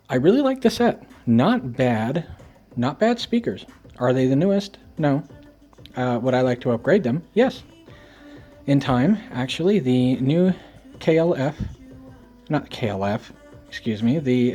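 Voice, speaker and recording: A man's voice: mid-range voice, dark tone. A man with toothless, slightly slurred speech, casually rambling through a home audio review in a wry, self-deprecating, irreverent way.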